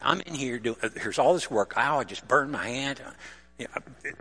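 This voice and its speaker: Preacher guy doing overworked martha griping, bright and swoopy, big echoey hall. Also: medium pitch, animated, normal speed, husky, heavily acted. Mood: exasperated. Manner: complaining, exasperated. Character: harried, frustrated woman host stuck doing all the work.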